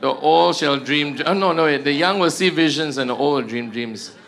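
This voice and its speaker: Amid crowd and background noise, a man with a fairly high, creaky voice speaks at a moderate pace with a Malaysian accent. Teaching a church group with humor, he pokes fun at himself and ends sentences with tags like "ah" and "huh".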